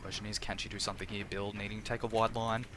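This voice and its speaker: A man with an Australian accent casting a live game tournament in a chatty, energetic way, often restarting his phrases. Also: fairly low pitch, quick pace, background noise. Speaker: tournament caster and streamer.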